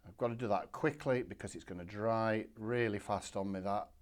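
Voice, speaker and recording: Guy talking you through a watercolour painting, lowish voice, easygoing and chatty. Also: moderate pace. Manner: relaxed, chatty step-by-step explaining. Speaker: watercolour art instructor. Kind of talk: painting demonstration. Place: home art studio.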